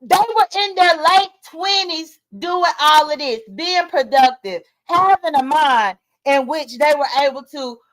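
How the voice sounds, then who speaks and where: Woman in her late 30s, high voice, blunt and emphatic, vlog commentary. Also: measured pace, hardly any pauses, fairly bright tone, poor audio. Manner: emphatic, blunt, talks straight to viewers. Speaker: vlogger. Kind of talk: casual commentary monologue.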